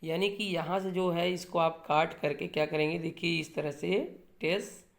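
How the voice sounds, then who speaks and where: A man's voice: a little high, little pitch movement, normal speed, vocal fry. A male teacher gives an English grammar lecture in a classroom style, mixing English terms into his Hindi. He poses rhetorical questions and answers them himself. He checks in often with his listeners and repeats the points that matter for exams. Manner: keeps checking in with "है ना" and "ठीक है ना".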